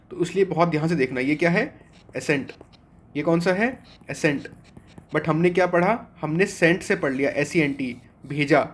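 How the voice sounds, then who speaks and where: Man teaching vocabulary, slightly high voice. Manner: explains step by step, asks and answers his own questions. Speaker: exam coaching teacher. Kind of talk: online vocabulary class.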